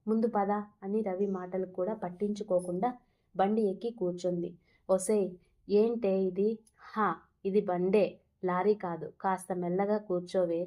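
A woman's voice: medium pitch, steady tone, normal speed, mellow. A woman narrating a romantic audio story in a Telugu accent, acting out the lines of a bickering young couple in turn. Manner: voices a bickering village couple in turn, teasing and scolding.

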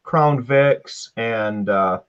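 A man hosting a casual chat about cars, talking in an easygoing, halting way. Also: medium pitch, clear, resonant tone, highs cut off. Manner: easygoing, halting, many fillers. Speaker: host.

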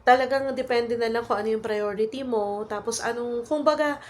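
A fairly high-pitched woman in her thirties from the Philippines talks at normal speed in a vlog, with slight background noise. She has a cold and a cough and tells a casual story in Filipino-accented Taglish, sprinkled with fillers and tag questions.

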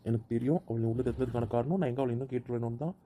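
Fast-talking, dark-toned husband, bossy and teasing played by a man. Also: mid-range voice, a little hiss or hum, close to an everyday voice. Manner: commanding, teasing. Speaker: voice actor in audio drama. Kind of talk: amateur audio drama acting.

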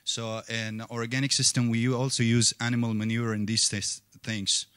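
A man's voice: mid-range voice, little pitch movement, moderate pace, a bit bright. A young man from Afghanistan, a student, asks a panel questions into a handheld mic in a conference hall, hesitating with many fillers. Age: young adult. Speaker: student asking questions from the audience. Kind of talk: audience question.

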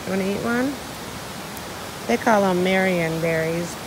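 A woman's voice: medium pitch, noisy background. A woman chatting casually as she films a walking tour of a forest trail, pointing out the sights and exclaiming at the scenery, recorded on a handheld phone. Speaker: travel vlogger. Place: forest trail by a waterfall, outdoors. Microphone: handheld phone camera. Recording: loud rushing water over the voice.

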